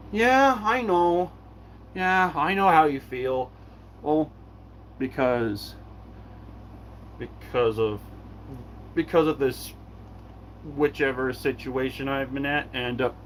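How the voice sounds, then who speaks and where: A man hosting a live stream Q&A, reading chat messages aloud and answering in a halting way, repeating himself often. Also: on the high side, fairly bright tone, slight background noise.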